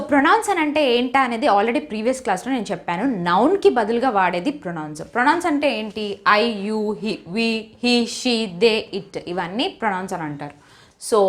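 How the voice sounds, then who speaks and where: A woman's voice: a little high, a bit bright. A woman with a Telugu accent teaching English in a methodical lesson, mixing Telugu and English and spelling out words letter by letter.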